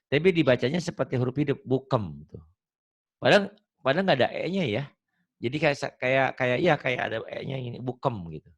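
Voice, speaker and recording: A man's voice: mid-range voice, animated, a little fast, vocal fry, muffled recording. Man, Quran reading teacher, online lesson, patient, jokey, repeats words over and over. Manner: patient, joking, drills pronunciation by repeating. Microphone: video call.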